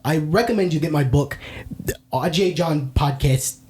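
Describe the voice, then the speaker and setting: A man's voice: fairly high pitch, normal speed, darkish tone, a little hiss or hum, natural voice. A man voicing a vulgar, clueless podcast expert in an improvised comedy sketch. He rambles, swears and chokes up on cue, always certain of his nonsense. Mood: boastful, rambling. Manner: rambling, crude, confidently clueless, fake-tearful. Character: crude clueless man posing as podcast guru.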